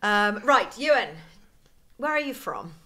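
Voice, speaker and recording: A woman's voice: mid-range voice, big pitch swings, measured pace, heavy background noise. A woman co-hosting a podcast, chatting casually and making dry, wry remarks. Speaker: podcast co-host. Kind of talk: casual chat.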